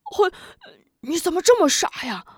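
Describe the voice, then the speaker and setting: A woman's voice: high-pitched, big pitch swings, measured pace, no echo, studio quality, pitched above the performer's own voice. A woman doing a stammering, dim-witted big brawler. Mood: insistent. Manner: stammering, flustered and insistent. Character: dim-witted excitable big male fighter.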